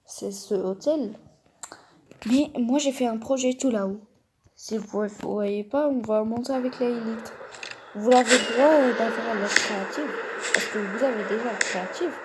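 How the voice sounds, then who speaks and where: A woman's voice: fairly high pitch, normal speed. A woman giving a casual, hesitant walkthrough of her game build, explaining each step to her viewers. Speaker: gamer showing a build. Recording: noisy home recording with clicks.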